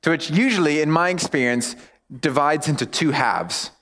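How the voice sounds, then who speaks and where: A man with a New Zealand accent speaking as a pastor, giving an informal, conversational sermon with animated storytelling. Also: a little high, moderate pace.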